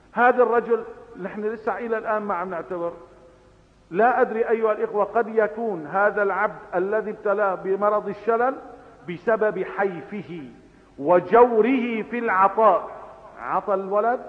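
A man with a Levantine Arabic accent delivering a sermon, passionate, moving between hushed asides and loud exhortation. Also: high-pitched. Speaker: preacher. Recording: phone-like, with long reverb.

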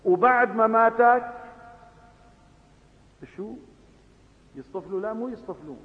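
A man with a Levantine Arabic accent delivering a sermon, passionate, moving between hushed asides and loud exhortation. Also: high-pitched, a little slow. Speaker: preacher. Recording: phone-like, with long reverb.

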